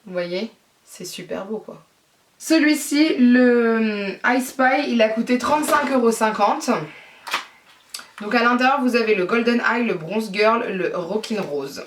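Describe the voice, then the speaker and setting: A woman's voice: on the high side, measured pace, far from the mic, a little hiss or hum. A woman beauty vlogger chatting casually to camera about her purchases, gushing over them and hesitating often. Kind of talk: casual haul chat to camera. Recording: roomy echo, voice a bit off-mic.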